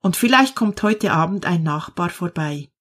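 A woman voicing a sick, lonely old woman in a storybook reading, speaking quietly and tenderly. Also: lowish voice, lively intonation, moderate pace, breathy edge. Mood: hopeful.

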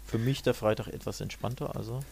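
Casual male podcast co-host, creaky voice. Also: on the low side, steady tone, quick pace, darkish tone. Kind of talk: casual football podcast chat.

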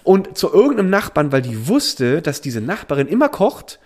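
A man's voice: a little high, very animated, moderate pace. A man from Germany co-hosting a casual podcast chat, rambling with many restarts and frequent laughs. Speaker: podcast co-host.

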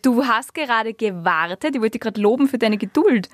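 A woman's voice: a little high, animated, brisk, no echo. A young woman with an Austrian accent, co-hosting a podcast in casual chat with dry, teasing remarks. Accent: Austrian German. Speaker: podcast co-host.

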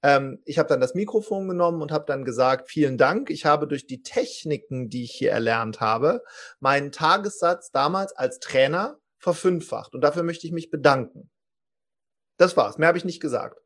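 A man in his forties telling a story as a podcast guest, animated, acting out quotes and restarting often. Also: on the high side, normal speed. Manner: lively, acts out quotes, many restarts.

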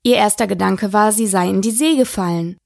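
A woman narrating a storybook in an even, measured reading. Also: medium pitch, gravelly, no echo, clean studio sound. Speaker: audiobook narrator.

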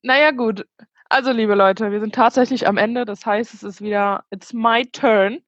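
A woman co-hosting a podcast over a video call, bubbly and laughing, quick with comebacks. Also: on the high side, steady tone, a bit bright, no echo, muffled recording. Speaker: podcast co-host.

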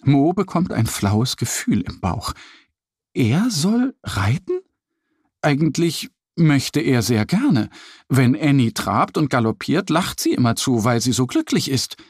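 A man narrating a children's story in a slow, lively, slightly husky voice. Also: medium pitch, dry recording, studio quality.

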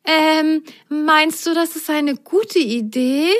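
Woman voicing a storybook girl sock, very high, squeaky, nervous. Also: slow, fairly bright tone. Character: hesitant excitable girl sock.

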